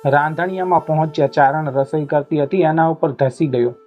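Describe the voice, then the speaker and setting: A male storyteller narrates in a measured, formal voice that sits on the higher side. The sound is dull and lo-fi. Faint music plays underneath. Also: steady tone.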